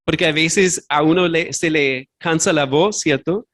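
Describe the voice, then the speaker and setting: A pastor preaches earnestly in a church sanctuary, his voice a little high, a bit bright and unhurried. Spanish is not his first language, so he searches for words and corrects himself aloud.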